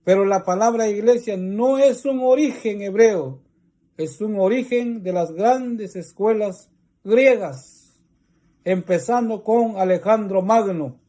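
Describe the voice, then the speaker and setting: A man with a Mexican Spanish accent, preaching a religious teaching in slow, deliberate, repetitive phrases. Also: high voice, dark tone.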